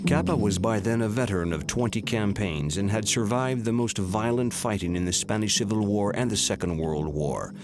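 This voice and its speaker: A man giving measured, solemn scripted narration for a documentary. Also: lowish voice, noisy background. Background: music.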